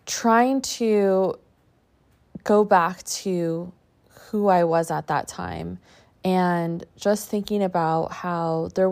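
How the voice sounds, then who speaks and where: A woman podcast host and coach giving a reflective personal monologue in short, halting phrases. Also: on the low side, darkish tone.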